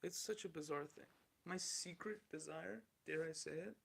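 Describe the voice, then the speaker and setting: A man's voice: fairly high pitch, normal speed, creaky, a bit bright, breathy edge. A man in his thirties hosting a solo podcast, rambling candidly through the news and swearing casually. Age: 30s. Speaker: podcast host.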